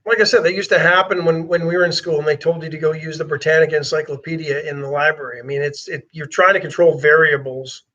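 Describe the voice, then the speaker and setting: A man's voice: on the high side, fairly even intonation, fast talker, hardly any pauses, sharp tone. A man co-hosting a talk radio show, reading comments and chatting casually with repeated words. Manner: conversational, repeats words while thinking. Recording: dull lo-fi sound.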